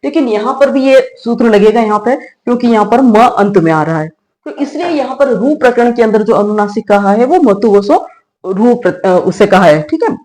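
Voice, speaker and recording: Here the middle-aged teacher sounds higher and darker, her intonation lively and her pace normal, though the recording quality is low. She teaches grammar in a classroom lecture, building each point in steps and answering her own rhetorical questions. A short "theek hai," or "all right," comes up again and again.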